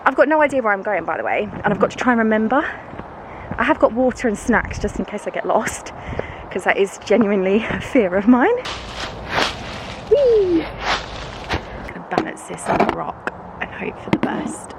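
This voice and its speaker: Medium-pitched and sing-song, at normal speed with long pauses, this bunged-up British vlogger and schoolteacher laughs a lot and pokes fun at herself while walking and chatting in the woods. Outdoor ambience and passing vehicles come through on the noisy camera audio.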